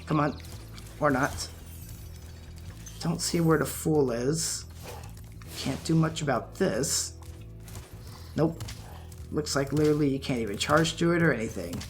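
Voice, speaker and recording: A man giving relaxed, chatty commentary while playing a video game, his voice wearing out. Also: on the high side, measured pace, pauses often, soft background music. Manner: relaxed, chatty, laughs at his own mistakes. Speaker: let's play gamer. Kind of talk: casual gameplay commentary.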